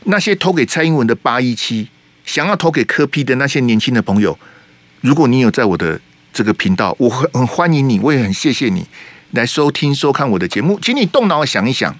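Hosting political talk radio in a brisk, sing-song manner, this man with a Taiwanese Mandarin accent has a mid-range voice and sounds heated and forceful. He fires off rhetorical questions at listeners, with no echo in the audio.

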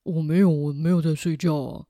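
A woman voicing a shy, soft-spoken teenage boy classmate who mumbles very quietly. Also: low-pitched, fairly even intonation, brisk, dry recording, clean studio sound, pitched below the performer's own voice, natural voice. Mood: earnest.

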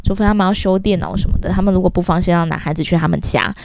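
A woman's voice: fairly low pitch, fairly even intonation, racing, vocal fry, darkish tone, a little hiss or hum. A woman with a Taiwanese Mandarin accent hosting a podcast, venting in a casual rant and slipping into voices to quote people. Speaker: podcast host. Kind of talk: casual ranting monologue.

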